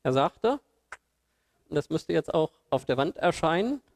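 A man delivers a sermon in a church hall in a colloquial, humorous way, full of rhetorical questions. His voice sits a little high for a man. Long reverb from the hall trails each phrase. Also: very animated, a little slow, creaky. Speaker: preacher. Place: church hall with projected slides.

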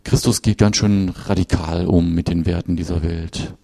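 Lower-voiced preacher in a dry room. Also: male voice, steady tone, normal speed, vocal fry, dark tone, dry recording. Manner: conversational, asks listeners with "ne?". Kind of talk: sermon.

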